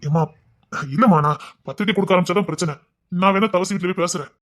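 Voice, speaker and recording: A man's voice: high-pitched, racing, lightly acted. A young man acting a proud village son who earnestly pleads with his parents, in a family drama.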